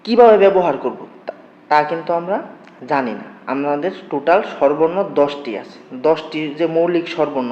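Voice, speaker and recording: Patient man teaching Korean. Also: fairly high pitch. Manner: patient, asks questions and answers them himself. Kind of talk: classroom-style lesson explaining letters. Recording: echoey room, slightly dull lo-fi sound.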